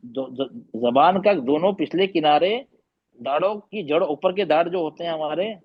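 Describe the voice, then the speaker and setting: A man's voice: a little high, unhurried, slightly rough, lo-fi sound. A man teaching Quran recitation in an online class, patiently repeating letter sounds for students to echo.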